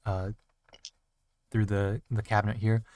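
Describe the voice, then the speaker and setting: Male game master, low voice, halting narration, dry sound. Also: level tone, darkish tone, dry recording. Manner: hesitant, lots of fillers.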